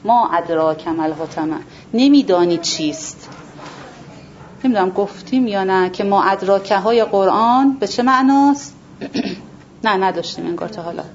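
A woman teaching a Quran class to students, asking herself rhetorical questions and repeating words for emphasis. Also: mid-range voice. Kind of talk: explanatory religious lesson to a class. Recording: dull lo-fi recording with faint background noise.

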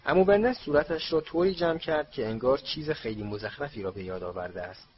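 A man narrating a children's storybook in a steady, measured reading voice. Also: mid-range voice. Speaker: audiobook narrator. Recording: slightly dull with faint hiss.

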